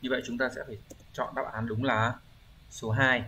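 A man of middle pitch talks his students through exam questions one at a time. He explains each word patiently and keeps pausing to check that they follow. A faint hiss sits under the recording. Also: flat delivery, bright, forceful tone. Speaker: Japanese teacher. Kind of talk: exam review lesson.

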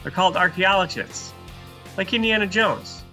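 A man's voice: high-pitched, moderate pace, over music. A man in his thirties, an art teacher giving an enthusiastic online art lesson to young children. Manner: upbeat, enthusiastic, talks to children. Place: virtual classroom backdrop, indoors.

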